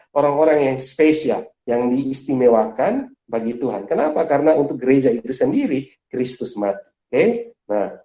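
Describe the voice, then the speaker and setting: A man giving a Bible study lesson, explaining word by word, often adding a questioning "ya" and stressing key words with a sharp rise in pitch. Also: roomy sound. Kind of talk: church teaching session.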